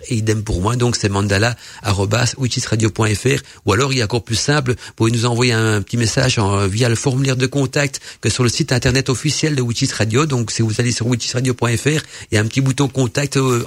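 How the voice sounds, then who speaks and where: A man with a Belgian French accent hosts a live radio talk show in a casual, chatty way. He hesitates often, fills gaps and repeats words as he goes. His voice sits mid-pitch and sounds dry and close. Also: no echo.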